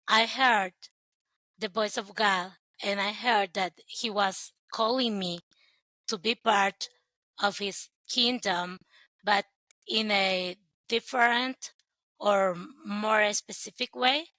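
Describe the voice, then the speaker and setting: A young woman, sharing her story as a guest in sincere, halting phrases. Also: mid-range voice, pushed and bright, no echo, poor audio. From El Salvador. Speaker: guest, sponsorship coordinator. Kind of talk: earnest personal testimony.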